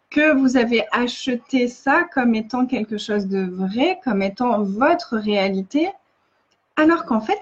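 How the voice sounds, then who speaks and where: A woman's voice: a little high, husky, dull audio. A woman facilitator giving earnest casual coaching in a live video, often restarting and repeating phrases.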